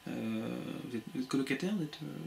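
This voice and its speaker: A man chats live over a laptop webcam, answering his viewers with quick, playful banter and frequent restarts. His voice sits at an ordinary middle pitch. A faint hiss of background noise runs under the talk. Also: lively intonation, vocal fry. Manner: quick, playful, many restarts, reads chat aloud. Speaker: livestream host. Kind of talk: casual live chat with viewers. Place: home room with shelves of CDs.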